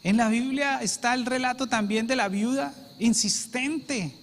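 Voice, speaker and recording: A man's voice: extremely high pitch, unhurried, in a large hall, slight background noise. A male pastor preaching a sermon with emphasis, repeating phrases and saying "amén" often.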